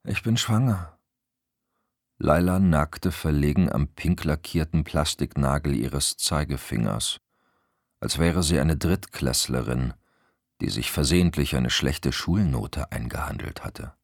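Low, husky man reading an audiobook. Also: unhurried, no room sound, clean studio sound. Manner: expressive storytelling. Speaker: audiobook narrator. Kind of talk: scripted narration.

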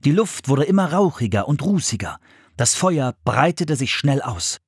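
A man narrating a children's adventure audiobook in a steady storytelling manner. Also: medium pitch, normal speed, husky, dry recording, clean studio sound.

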